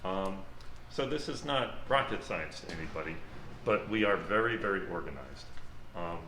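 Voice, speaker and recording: A man's voice: low voice, expressive, moderate pace, sharp tone. A middle-aged man giving an informal guided tour of a warehouse, speaking through a face mask. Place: large indoor warehouse. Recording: noisy warehouse ambience.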